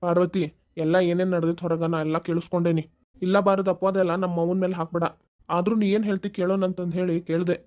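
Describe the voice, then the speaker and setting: A calm, fair-minded son and husband from a cartoon story, voiced by a woman. He scolds firmly in a warm, dark tone. He talks at a brisk pace. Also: lowish voice, close to an everyday voice. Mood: reproachful. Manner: firm, reproachful.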